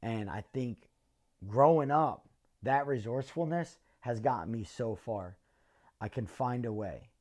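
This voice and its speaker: A middle-aged man from North answers interview questions in a measured, earnest way, pausing often with ums. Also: medium pitch, darkish tone. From North Philadelphia. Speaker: interviewee, former fighter.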